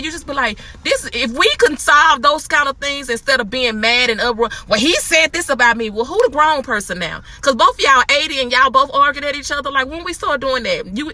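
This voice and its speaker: A woman in casual spoken advice, chatty and animated, acting out quotes. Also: high voice, no echo. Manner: chatty, animated, laughs often, acts out quotes. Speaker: host.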